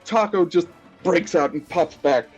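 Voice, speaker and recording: A man's voice: fairly high pitch, measured pace, faint music behind. Man running a game, lo-fi audio. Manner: explains rules with easy laughter. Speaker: game master. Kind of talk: narrating a tabletop game. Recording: dull lo-fi audio.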